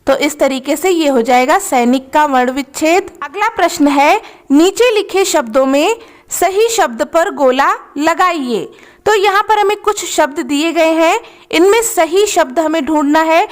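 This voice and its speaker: High-voiced woman teaching step by step. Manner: patient, slow, spells out letters one by one. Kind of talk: worksheet lesson.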